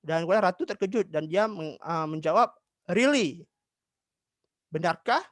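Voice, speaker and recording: A man's voice: on the high side, brisk, no room sound. A young man with an Indonesian accent teaching an English lesson in a micro-teaching session, switching between English and Indonesian with frequent "ah" fillers. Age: young adult.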